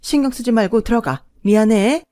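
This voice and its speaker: A woman's voice: on the high side, fairly quick, warm tone, no room sound, lightly acted. A scheming older mother-in-law, flustered and defensive, brushing things off with a few raised words, as a woman reader puts her on. It is a close, dry recording with nothing behind it.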